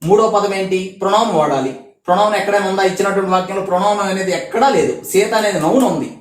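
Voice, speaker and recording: A man's voice: high-pitched, racing, echoey room. A male teacher with a Telugu accent giving a video grammar lesson, drilling each rule step by step and asking and answering his own questions.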